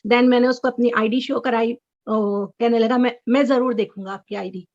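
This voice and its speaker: A middle-aged woman telling an excited story as an interview guest on a video call, sometimes breaking into high squeals. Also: normal speed, no room sound. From Chicago resident. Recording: dull, dry video call audio.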